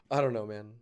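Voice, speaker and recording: A man's voice: on the low side, darkish tone, clear, resonant tone. A man giving casual, rambling live critiques of digital art, thinking aloud as he clicks through images. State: yawning, tired.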